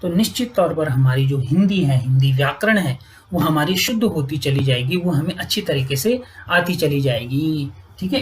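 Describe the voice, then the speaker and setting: A woman's voice: on the low side, slight background noise, poor audio. Woman teaching grammar at a whiteboard. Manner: often adds "ठीक है" to check understanding; asks students questions and answers them herself.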